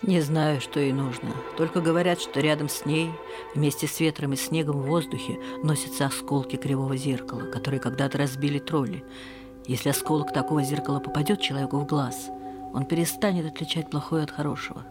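A woman voicing a kindly old grandmother in a radio play, telling tales calmly and measured. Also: sits low, over music, natural voice. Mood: storytelling. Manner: calm, measured storytelling.

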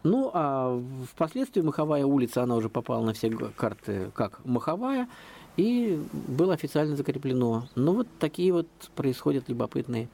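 A man's voice: mid-range voice, moderate pace, vocal fry. A man speaking as a local historian guest on a radio interview, explaining at length in a chatty, discursive way. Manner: chatty, discursive, lively storytelling.

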